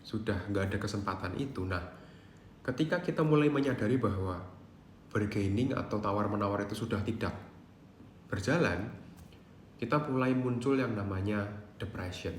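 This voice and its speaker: Male psychologist, low pitch, calm explanatory tone, slightly roomy recording. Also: moderate pace, pauses often, slight background noise. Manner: calm, explanatory, acts out quoted feelings. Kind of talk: casual explainer talk to camera.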